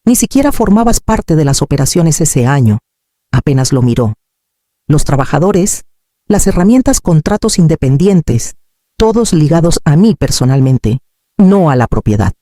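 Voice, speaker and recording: A man reading a first-person drama story in a calm, measured way. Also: a little high, no room sound, studio quality. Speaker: narrator.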